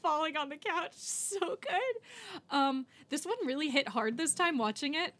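A woman with a slightly high voice co-hosts a relaxed podcast, gushing over favorite film scenes. She laughs often and talks with easy enthusiasm. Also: unhurried. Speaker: podcast co-host. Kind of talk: casual chat about a film.

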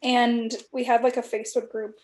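A woman's voice: fairly high pitch, flat delivery, normal speed. A woman in her thirties from California, reflective in casual chat, reading aloud from her old journals and using frequent "like" fillers.

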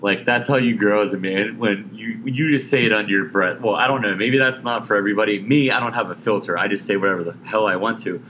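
A man's voice: fairly low pitch, fast talker, hardly any pauses, a bit bright, slight background noise, poor audio. A man co-hosting a podcast, joking bluntly and swearing freely in casual chat. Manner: profane, jokey, blunt. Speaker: podcast co-host.

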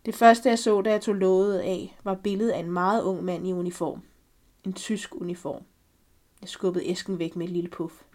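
A woman reading a first-person story aloud for a podcast, calm and measured. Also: on the low side. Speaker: podcast reader.

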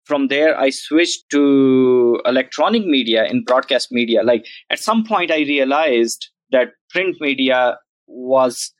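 A man's voice: mid-range voice, slow, no room sound, rough recording. A man, a journalism professor telling his story as a podcast guest in an earnest, reflective way. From Pakistan. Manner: earnest, reflective, frequent "like" and "right?".

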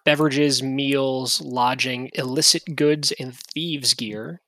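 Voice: medium pitch, fairly even intonation, slow, a bit bright, no room sound. Casual, rambling game master. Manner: casual, many fillers and restarts, lists items. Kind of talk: tabletop game narration and chat.

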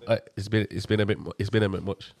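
A man's voice: lowish voice, gravelly. A young man, a podcast host who teases his guests and pushes on to the next question. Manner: pushy, teasing, keeps things moving. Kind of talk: casual podcast hosting.

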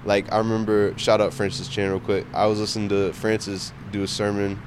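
Casting: man, low register, loose slangy conversational delivery on faith, light street noise behind. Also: level tone, brisk. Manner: informal slangy talk, peppered with "bro" and "you know what I'm saying". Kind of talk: casual faith discussion.

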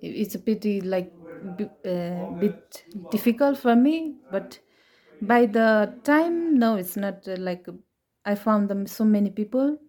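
A woman's voice: mid-range voice, a little mellow. A woman in her twenties from Nepal, an English speaker, answering interview questions hesitantly with many fillers and restarts. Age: 20s. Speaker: interview guest. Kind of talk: casual interview.

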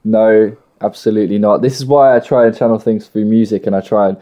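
A man with a fairly low, dark and mellow voice talks casually. He explains himself in short, halting phrases. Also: fairly even intonation, muffled recording. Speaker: musician. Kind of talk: casual conversation.

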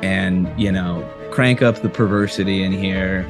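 A man's voice: deep voice, steady tone, a little slow, over music. A man co-hosting a casual film podcast, loose and jokey, swearing and laughing as he talks. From American Midwest. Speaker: podcast co-host.

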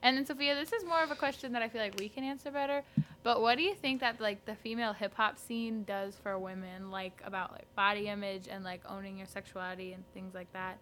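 Bright, chatty young woman co-host. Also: medium pitch, fairly quick, a little hiss or hum. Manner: chatty, animated, frequent "like" fillers. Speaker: podcast co-host. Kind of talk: casual chat.

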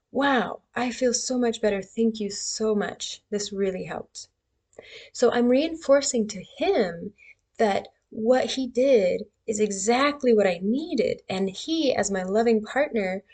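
A woman giving gentle relationship advice in a casual talk to camera, with frequent restarts. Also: on the high side. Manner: gentle, slow, with many restarts.

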